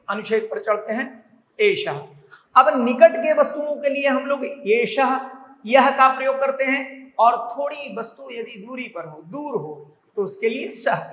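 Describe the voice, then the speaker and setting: A male Sanskrit teacher giving a slow classroom lesson, repeating each word and its meaning and putting questions to the class. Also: very high voice, sharp tone. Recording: echoey room with long reverb.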